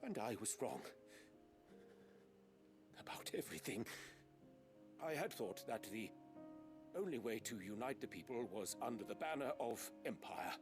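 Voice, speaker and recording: Man playing a humbled, slow-spoken, expressive nobleman. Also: mid-range voice, music in the background, close to an everyday voice. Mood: humbled, solemn. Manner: formal, measured, solemn. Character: humbled stately imperial nobleman, contrite father. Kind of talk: video game voice acting.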